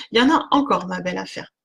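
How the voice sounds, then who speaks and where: A woman's voice: mid-range voice, vocal fry, a bit bright. A woman giving an oracle card reading on a live stream, chatting with viewers by name, with lots of fillers and little laughs.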